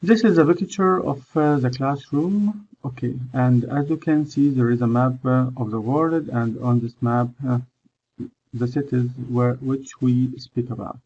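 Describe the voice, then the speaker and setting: A male English teacher with an Egyptian accent works through slides at an even, unhurried pace and pauses often with "uh" between words. His voice is gravelly and a little husky. The recording is dull and lo-fi. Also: mid-range voice. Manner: explains in English and Egyptian Arabic by turns, with many "uh" pauses. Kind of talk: recorded lesson over slides.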